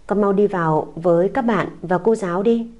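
A woman voicing a young mother who soothes a crying child in a soft, coaxing, tender way. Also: mid-range voice, normal speed, close to an everyday voice. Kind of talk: audiobook character voice.

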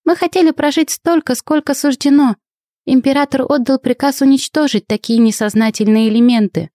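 A woman's voice: sits high, steady tone, brisk, mellow, no room sound, clean studio sound, natural voice. A woman voicing an ancient female alien soul trapped in a guinea pig, telling her tale with sighs of world-weariness. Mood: grave. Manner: sighing, world-weary storyteller. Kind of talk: audiobook character voice.

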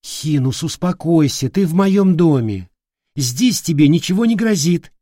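A man voicing a calm, firm young woman in an audiobook. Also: fairly high pitch, a little slow, no room sound, studio quality, pitched above the performer's own voice. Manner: level, commanding. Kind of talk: audiobook character voice.

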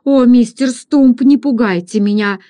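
A woman's voice: fairly high pitch, measured pace, warm tone, dry recording, pitched above the performer's own voice, natural voice. A woman reading aloud, voicing a panicked, superstitious Irish servant man who wails and pleads frantically. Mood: frantic, wailing.

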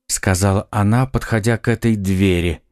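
A man narrating an audiobook in a measured, expressive manner. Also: fairly low pitch, no echo, studio quality. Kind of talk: scripted narration.

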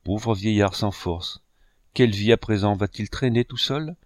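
A man's voice: fairly low pitch, unhurried, darkish tone, no echo, clean studio sound, natural voice. A man reading an audiobook, voicing a grieving young man who is tender and resolute and speaks earnestly. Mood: pitying.

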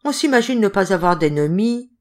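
Woman voicing a male magistrate, authoritative, measured, sententious, audiobook. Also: medium pitch, lively intonation, lightly acted.

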